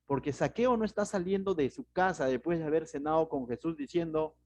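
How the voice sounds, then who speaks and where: A man's voice: fairly high pitch, fairly quick, darkish tone, dry recording. A man with a Peruvian Spanish accent, a pastor giving verse-by-verse Bible teaching in a conversational way, often asking rhetorical questions.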